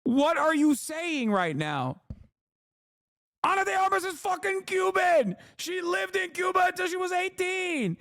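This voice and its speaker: A man's voice: very high voice, big pitch swings, a little slow, a bit bright, no room sound, studio quality. A man hosting a livestream, reacting to clips in profane, incredulous rants. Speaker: livestream host. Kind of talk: casual streaming commentary.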